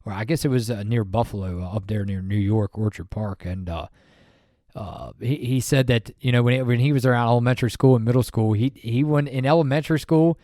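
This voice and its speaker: A man co-hosting a podcast in casual sports chat, talking in an animated, rambling way with many fillers and restarts. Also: medium pitch, a little fast, no room sound, studio quality. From Maryland, USA. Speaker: podcast co-host.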